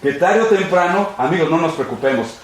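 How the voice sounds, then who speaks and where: A man's voice: a little high, lively intonation, fairly quick, crowd noise. A man giving an emphatic, repetitive sermon-style Bible class in a church sanctuary. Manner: emphatic, repetitive, addresses listeners as brothers and friends. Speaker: pastor teaching a Bible class. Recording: echoey church room.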